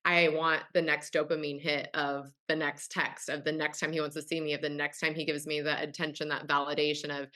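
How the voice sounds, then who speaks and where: A woman's voice: low voice, little pitch movement, fairly quick, few pauses, bright, forceful tone. A woman hosting a casual podcast interview, frank and conversational, laughing easily. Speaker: podcast host.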